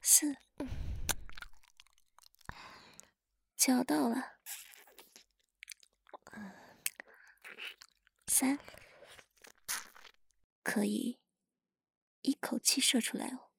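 A woman voicing a teasing, contemptuous, dominant young woman in an adult whispered role-play, breathy and husky, murmuring right into the listener's ear. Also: sits high, takes it slowly, full character voice. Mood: teasing, coaxing. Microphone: very close, dry microphone.

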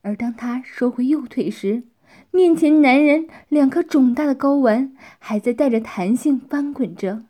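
Slow, high-voiced woman narrating. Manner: drops into soft, half-whispered passages. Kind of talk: storytelling narration.

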